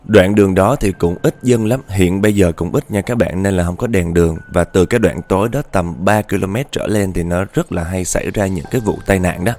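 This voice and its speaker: Guy telling a ghost story, lowish voice, chatty and dramatic. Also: brisk, hardly any pauses, a little mellow. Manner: chatty, dramatic, often addresses listeners directly.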